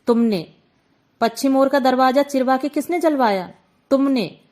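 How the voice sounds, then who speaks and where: A poor hunchbacked young woman from a read-aloud story, crying out in a pleading, wailing voice, as a woman narrator puts her on. She sounds wronged and desperate, and her voice sits slightly above an ordinary woman's pitch. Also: a little slow, a little mellow. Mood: defiant.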